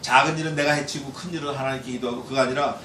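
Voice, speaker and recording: Bright-voiced male pastor preaching in an echoey hall. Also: medium pitch, very fast. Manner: lively, acts out quoted voices and asks the congregation questions. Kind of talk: Bible exposition sermon. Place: church hall. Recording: echoey church hall, distant mic, faint noise.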